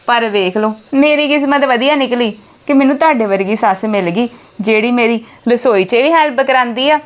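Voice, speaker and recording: A woman's voice: a little high, normal speed. A young woman playing a chatty, earnest daughter-in-law in a scripted family skit.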